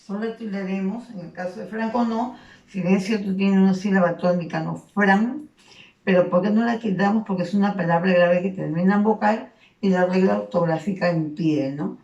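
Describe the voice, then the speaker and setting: Warm gravelly woman teaching, echoey and distant. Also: mid-range voice, normal speed, highs cut off. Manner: patient explaining, frequent tag questions. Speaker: secondary school teacher. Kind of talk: recorded grammar lesson. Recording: echoey room, voice off the mic.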